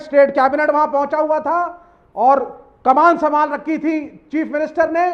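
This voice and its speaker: A man's voice: very high-pitched, highs cut off. A man on a TV news debate panel, combative and talking over the others. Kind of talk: heated TV debate.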